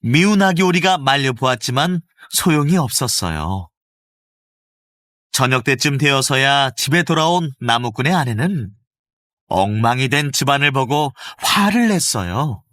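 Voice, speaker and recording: A male voice actor narrates a children's fairy tale with gentle, expressive storytelling, recorded close in a studio. His mid-range voice is unhurried, with no echo.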